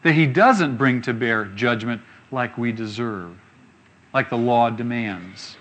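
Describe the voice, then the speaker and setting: A man preaching a sermon, reading scripture slowly and asking rhetorical questions with emphasis. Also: mid-range voice, fairly bright tone, a little hiss or hum.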